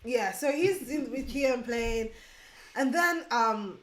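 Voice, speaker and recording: A woman's voice: a little high, slow. Woman telling a story in an echoey room. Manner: animated, quotes others. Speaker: vlog co-host. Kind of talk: casual storytelling.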